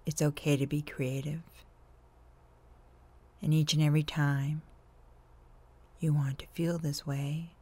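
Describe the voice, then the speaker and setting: A man leading a guided hypnosis session, with slow, soothing, drawn-out phrasing that often falls to a soft whisper. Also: fairly high pitch, little pitch movement, breathy edge.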